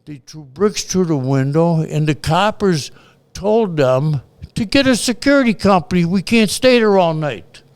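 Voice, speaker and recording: Old guy telling war stories, swears a lot, kinda high voice. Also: animated, measured pace, clean tone. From Chicago. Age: older. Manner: blunt, profane, acts out quoted voices. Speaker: storyteller guest. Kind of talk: casual storytelling.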